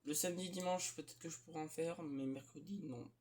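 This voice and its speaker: A man with a voice on the high side hosts a gaming video, talking fairly quickly in casual gameplay commentary. He's hesitant, with plenty of filler sounds, breaking now and then into excitable outbursts.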